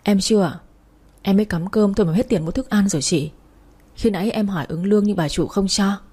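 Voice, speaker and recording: A woman voicing a meek young wife who pleads softly. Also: medium pitch, a little fast, slightly rough, lightly acted.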